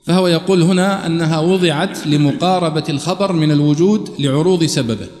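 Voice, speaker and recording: A man teaching a religious text class, explaining each point in a measured, step-by-step way. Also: fairly high pitch, a little mellow. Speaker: sheikh teaching a tafsir class. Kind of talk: classroom commentary lecture. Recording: echoey hall reverb.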